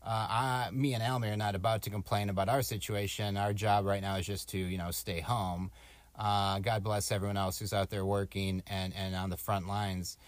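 A man's voice: fairly low pitch, level tone, normal speed, no echo. Casual, rambling man podcasting, dry close sound. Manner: rambling, informal, musing. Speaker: podcast co-host giving astrology forecasts. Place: small closet at home, door slightly open.

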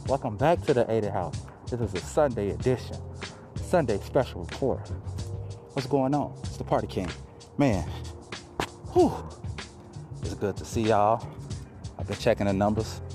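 A man's voice: on the low side, expressive, moderate pace, long pauses. A man hosting a casual motivational podcast, swearing and repeating himself for emphasis, his speech slightly muffled by a face mask. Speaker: podcast host. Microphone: close podcast mic, spoken through a mask. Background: music.

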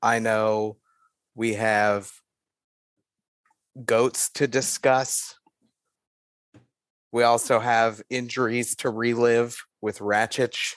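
A man hosting a casual sports podcast, playful and quick to laugh. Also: medium pitch, flat delivery, no room sound. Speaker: podcast host. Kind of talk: casual chat.

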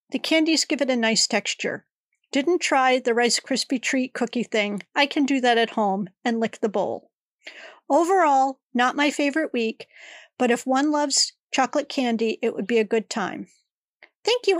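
A woman's voice: sits high, no echo, studio quality. A middle-aged woman hosting her own podcast, congested and talking in a rambling, personal, chatty way. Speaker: podcast host. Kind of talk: casual solo podcast monologue.

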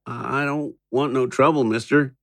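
A man's voice: mid-range voice, fairly even intonation, a little slow, creaky, fairly bright tone, slight background noise, voice pushed up. A man voicing a timid young man who answers politely and hesitantly. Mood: uneasy.

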